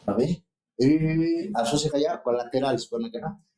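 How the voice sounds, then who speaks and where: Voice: mid-range voice, a little fast, darkish tone, echoey room, poor audio. A lecturer giving a university seminar on phonetics, explaining step by step and often checking that students follow. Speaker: linguistics lecturer.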